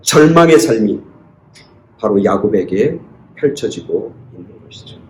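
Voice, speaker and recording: A man preaching a sermon as pastor, pressing hard on key points and dropping soft and slow for quoted scripture. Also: lowish voice, very animated, echoey room, a little hiss or hum, low-quality recording. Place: church sanctuary.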